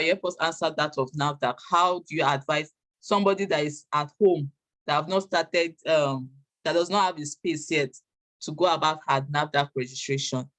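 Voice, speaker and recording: A woman with a Nigerian accent, informally moderating questions in a hesitant, halting way. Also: low voice, a bit bright, poor audio. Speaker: moderator of an online business meeting.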